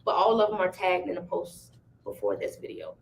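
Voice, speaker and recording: A woman's voice: fairly low pitch, sing-song, brisk, vocal fry, distant mic. A woman co-hosting a podcast, chatting casually and teasing playfully. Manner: teasing, playful, laughs often. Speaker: podcast co-host. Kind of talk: casual chat. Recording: roomy echo, off-mic, faint hiss.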